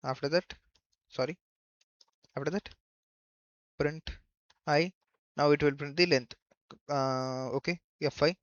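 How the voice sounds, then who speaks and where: A man giving a coding tutorial in a halting way, thinking aloud as he goes. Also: on the high side, fairly even intonation, a bit bright, no room sound. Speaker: programming tutor. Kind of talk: screen-recorded coding tutorial. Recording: dull lo-fi microphone.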